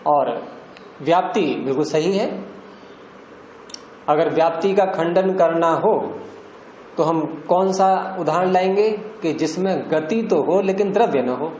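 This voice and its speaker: A man's voice: on the high side, a little mellow. An older man teaching a classroom lecture, explaining step by step and quizzing his students. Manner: questioning students, drawn-out explanations. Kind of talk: classroom lecture on Indian philosophy and grammar. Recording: echoey classroom with faint background noise.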